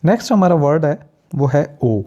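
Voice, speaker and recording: Male teacher from Pakistan, unhurried and methodical. Deep mellow tone, muffled lo-fi recording. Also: animated. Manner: deliberate, lists example words one by one. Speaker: English teacher. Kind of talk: spoken pronunciation lesson. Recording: dull lo-fi recording.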